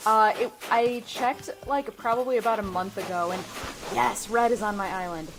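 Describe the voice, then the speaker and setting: A woman guest chatting casually about a game, relaxed and hesitant with many ums. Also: medium pitch, moderate pace, noisy background. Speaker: guest, creative manager. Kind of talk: casual chat while showing gameplay. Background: game music.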